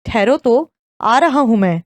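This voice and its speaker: A woman doing a lively, caring young man. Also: a little high, no echo, natural voice. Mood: teasing. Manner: teasing, then anxious questioning.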